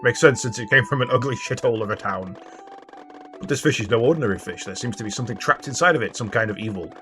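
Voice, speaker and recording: A man's voice: mid-range voice, fast talker, natural voice. A man voicing a scheming, sardonic villager in a fantasy video game. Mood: scornful, curious. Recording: music behind the voice.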